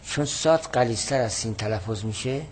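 Teaching a classical text, this man keeps a steady, explanatory delivery in a voice that is neither high nor low. Quotations are read slowly and more heavily. There's a faint hiss in the background.

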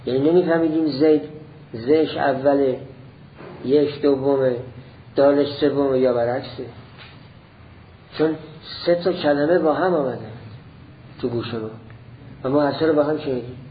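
A man teaching a classical philosophy text in a slow, deliberate lecture, repeating each point step by step. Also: mid-range voice, lo-fi sound, a little hiss or hum.

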